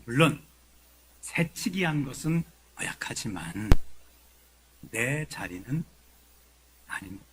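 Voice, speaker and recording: A man preaching a sermon in a conversational way, rising to forceful emphasis at key points. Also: mid-range voice, very animated, slow, long pauses, a little hiss or hum, poor audio. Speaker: pastor. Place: church sanctuary.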